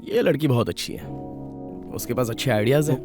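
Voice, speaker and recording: A man's voice: mid-range voice, fairly quick, over music, lightly acted. An actor dubbing a sarcastic, dismissive male friend. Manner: mocking, lively delivery. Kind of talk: Hindi film dub.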